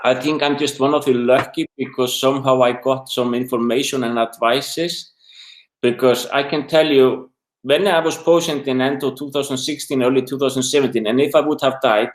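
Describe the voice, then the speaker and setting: A middle-aged man from Iceland with an Icelandic accent, an interview guest talking haltingly in English, his second language, searching for words. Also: mid-range voice, fairly even intonation. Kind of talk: casual interview talk. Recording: roomy echo.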